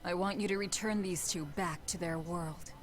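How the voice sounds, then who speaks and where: A woman's voice: fairly low pitch, fairly even intonation, normal speed, slight background noise, lightly acted. A woman playing a stern, defiant demon lord in a video game, with a blunt, resolute delivery. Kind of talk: scripted video game acting.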